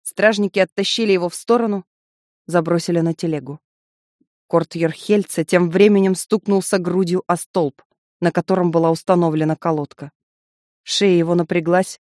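Lowish woman voice telling a dark story, tense and vivid, dry booth sound. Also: fairly even intonation, normal speed, no room sound. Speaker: audiobook narrator. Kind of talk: dramatic audiobook narration.

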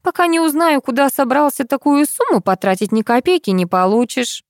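A loud middle-aged mother who scolds without pause, her voice shrill and indignant, as a woman reads her. She sits high in pitch and sounds close and dry. A storybook scold through and through. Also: expressive, no echo.

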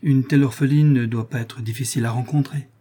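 A man's voice: medium pitch, fairly even intonation, quick pace, dark tone, slightly rough, natural voice. A man reading aloud and voicing a proud aristocratic countess who speaks in an imperious, emotional way.

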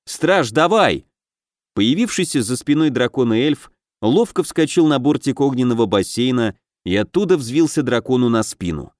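A man's voice: mid-range voice, animated, normal speed, few pauses, darkish tone, dry recording, studio quality. Man narrating an audiobook. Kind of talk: scripted narration of a fantasy game novel.

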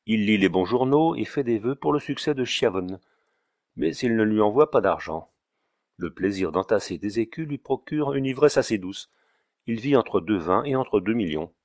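A man narrating an audiobook story in a measured, even reading style. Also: medium pitch, dry recording, studio quality. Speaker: audiobook reader. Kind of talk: scripted narration.

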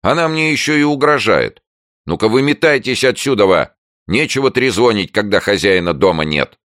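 A man voicing a shrill, frightened old woman neighbor who scolds loudly from behind her door in an audiobook. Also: very animated, normal speed, dry recording, studio quality. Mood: spiteful. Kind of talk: audiobook character voice.

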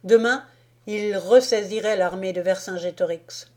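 A woman reading a historical novel aloud in a slow, measured narration. Her pitch sits mid-range and her delivery stays deliberate and even. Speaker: audiobook narrator.

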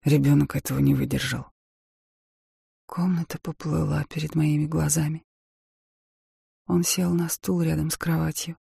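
A woman reading a first-person audiobook in a measured, dramatic way. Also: deep voice, little pitch movement, vocal fry, warm tone, slightly rough, no room sound, studio quality. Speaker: audiobook narrator.

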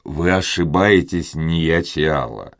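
A man voicing a courteous, impatient young gentleman in love, speaking in his own deep voice. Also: slow pace, dry recording, studio quality, full character voice. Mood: urgent courteous. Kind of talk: audiobook character reading.

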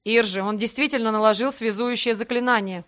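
A woman voicing an earnest, gentle young male necromancer. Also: on the high side, a little fast, close to an everyday voice.

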